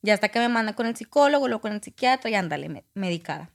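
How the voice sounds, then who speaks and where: Woman, 20s, podcast guest; candid storyteller who acts out the lines of others, mid-pitched. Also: lively intonation, very fast, creaky. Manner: candid, acts out quoted dialogue. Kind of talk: personal storytelling in conversation.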